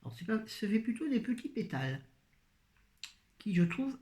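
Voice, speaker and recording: A woman's voice: a little high, very animated, normal speed, warm tone. A tired woman with a fading voice, chatting in a scattered, self-mocking way about her grocery haul, recorded on a phone. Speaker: vlogger. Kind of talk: casual shopping haul chat. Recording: echoey room.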